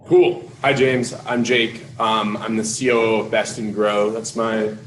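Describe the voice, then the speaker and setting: A man with a low voice introduces his startup company to a group. His delivery is steady and businesslike, broken up by ums. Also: unhurried, slight background noise, low-quality recording.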